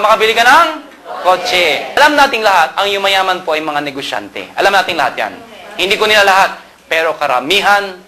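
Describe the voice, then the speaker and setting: Male seminar speaker, joking live pitch, high voice, cheering crowd behind. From Pangasinan, Philippines. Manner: joking, asks the crowd questions, shouts punchlines. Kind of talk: live sales pitch with jokes to an audience. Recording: live event with loud crowd and noise.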